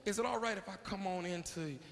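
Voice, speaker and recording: A man's voice: sits high, fast. A man voicing a tired male traveler caught in the rain, asking for shelter in a pleading way. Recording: echoey hall with faint ambience.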